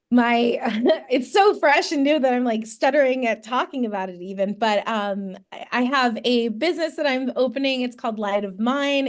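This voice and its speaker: A woman guest on a podcast, a new yoga teacher, answering in a thoughtful, halting way with many ums. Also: fairly high pitch. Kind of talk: casual interview answers.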